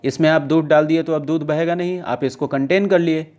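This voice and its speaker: A man teaches English vocabulary to exam students, reading news lines slowly and then explaining them conversationally with checking questions. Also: on the high side, fairly even intonation, darkish tone. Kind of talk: casual classroom-style lesson, mixing Hindi and English.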